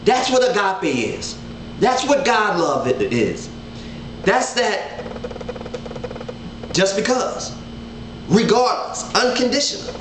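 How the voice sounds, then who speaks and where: His high voice lilts in a sing-song way, slow with long pauses, as this man in his thirties gives an earnest, gesture-filled Bible study online from his living room. He frequently repeats words while collecting his thoughts. The webcam at desk distance yields roomy home audio over a noisy background.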